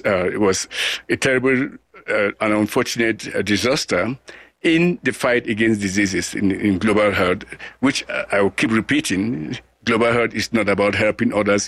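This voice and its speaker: Middle-aged guy from cameroon, kinda low voice, earnest, restarts a lot, dry close mic. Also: a bit bright, no echo. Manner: earnest, deliberate with frequent restarts. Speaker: guest, global health scientist. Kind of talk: interview answers.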